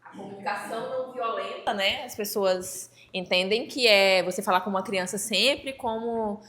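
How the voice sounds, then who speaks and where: A woman taking part in a workplace meeting, explaining her point in a halting way with many restarts. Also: mid-range voice, a bit bright, roomy sound. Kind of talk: casual explanation in a group discussion.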